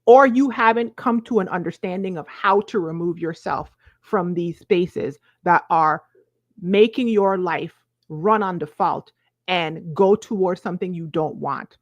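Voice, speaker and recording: A woman's voice: lowish voice, a little slow, no room sound, dull audio. A woman in her forties with a Virgin Islands accent, giving an emphatic, conversational motivational talk to viewers, often checking in with short questions. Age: 40s. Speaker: self-help coach.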